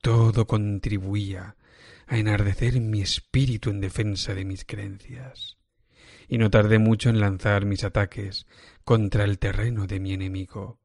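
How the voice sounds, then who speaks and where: A man with a somewhat low voice reads a horror tale as scripted narration. His delivery is measured and deliberate. The recording is dry and close, with no room sound. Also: flat delivery, darkish tone, dry recording. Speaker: narrator reading a horror story.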